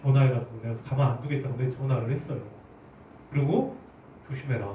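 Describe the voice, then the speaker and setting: A man preaching a sermon as pastor, animated, putting questions to his congregation. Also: medium pitch, fast talker, slight background noise. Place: church hall. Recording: roomy, distant, dull church recording.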